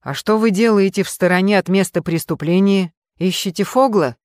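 An audiobook reader voicing a gruff, grumbling police inspector. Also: medium pitch, moderate pace, darkish tone, no echo, clean studio sound, close to an everyday voice.

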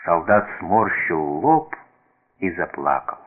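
Brief: male narrator, slow and even-toned, literary radio reading, phone-thin sound. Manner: measured, low-key narration. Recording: tinny radio broadcast.

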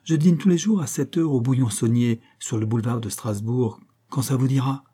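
A man's voice: mid-range voice, normal speed, mellow, slightly rough, natural voice. Fouinard, a man reading a wry young detective. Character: young male actor-detective, cheeky and shrewd.

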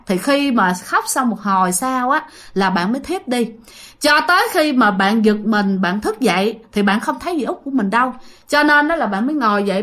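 A woman's voice: fairly high pitch, a bit bright. A woman casually retelling a ghost story, chatty and full of fillers, speaking to her listeners.

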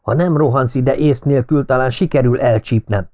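A man voicing a secretive, intense male detective who delivers urgent, hushed warnings in an audiobook. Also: mid-range voice, no echo, studio quality, pitched above the performer's own voice, lightly acted. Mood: grim anger.

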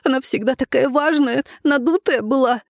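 A man reading an audiobook voices an excitable female squirrel in a squeaky high voice. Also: normal speed, creaky, no echo, clean studio sound. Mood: shrill outraged.

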